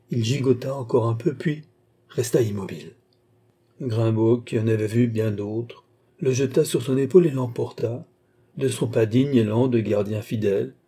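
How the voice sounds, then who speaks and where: A man narrating a short story aloud in a measured storytelling manner. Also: mid-range voice, dark tone, husky. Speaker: audiobook reader. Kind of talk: scripted narration.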